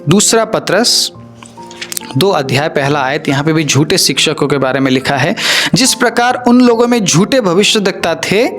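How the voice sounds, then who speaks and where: A man's voice: on the high side, fairly bright tone. A man preaching a sermon as a pastor, sternly warning his listeners and often adding "ठीक है" as he talks.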